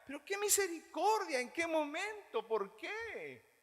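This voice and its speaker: A man with a Guatemalan Spanish accent preaching a sermon as pastor, animated, mimicking churchgoers in mocking voices. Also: very high voice, unhurried. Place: church hall. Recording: reverberant church hall.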